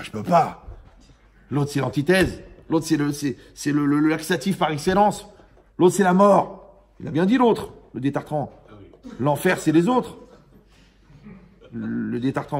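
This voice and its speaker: A man's voice: on the high side, gravelly, darkish tone, breathy edge. A man, a rabbi, giving an informal Torah lesson to a live audience, joking and quizzing his listeners as he goes. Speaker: rabbi teaching a class.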